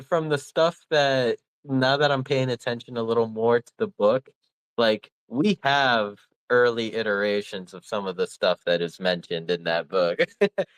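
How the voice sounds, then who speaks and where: A man hosts a casual online community call in a relaxed, rambling way, filling gaps with ums and uhs. His voice sits low and comes across smooth and resonant. The sound is dry and close, with no room around it. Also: dry recording, rough recording. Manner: relaxed, rambling with many fillers.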